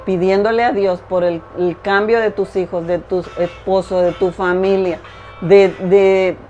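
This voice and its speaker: A woman delivers a sermon in an earnest, insistent way, repeating her phrases and speaking straight to the listener. Her voice sits at a middle pitch. The recording sounds dull and lo-fi, with a faint hiss underneath. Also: a little mellow. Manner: earnest, repetitive, addresses listener directly. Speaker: preacher.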